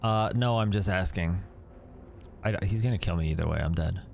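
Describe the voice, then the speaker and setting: Young male let's-play commentator, low voice, nervous and jokey. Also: fairly quick, gravelly, darkish tone, a little hiss or hum. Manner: anxious, joking, reads text aloud. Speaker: gaming commentator.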